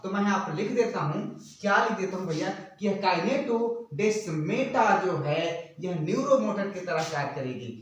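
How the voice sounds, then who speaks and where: A man's voice: high voice, lively intonation, moderate pace, distant mic, a little hiss or hum. A man teaching a biology lesson, who keeps asking and repeating questions and spells out terms letter by letter as he writes. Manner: repeats and quizzes students with rhetorical questions. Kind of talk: classroom-style lesson at a board. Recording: very echoey room, speaking away from the mic.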